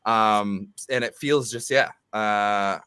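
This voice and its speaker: Bright, dry-voiced man chatting casually. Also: fairly low pitch, slow pace, smooth, no echo. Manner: relaxed, rambling with fillers and restarts. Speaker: guest. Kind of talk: casual conversational interview. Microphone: remote video call.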